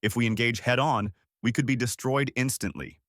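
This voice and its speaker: A man voicing a precise, confident young woman lieutenant reporting sensor data in a brisk, analytical way. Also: medium pitch, steady tone, a bit bright, no room sound, clean studio sound, close to an everyday voice. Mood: urgent.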